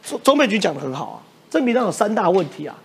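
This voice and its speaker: A man's voice: high-pitched, very animated, very fast, vocal fry, slightly rough. A man with a Taiwanese Mandarin accent hosting a political talk show, arguing point by point with emphatic rhetorical questions. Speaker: host.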